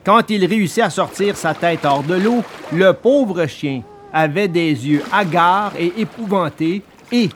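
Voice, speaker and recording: A man narrating a children's story in an expressive, dramatic storytelling manner. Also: high-pitched, a little slow, few pauses, slight background noise.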